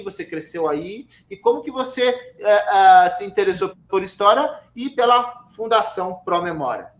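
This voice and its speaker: A man's voice: high voice, fairly bright tone. A man hosting a live-streamed interview, asking questions with enthusiasm and reading out viewer comments. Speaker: interview host. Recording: dull, roomy remote audio.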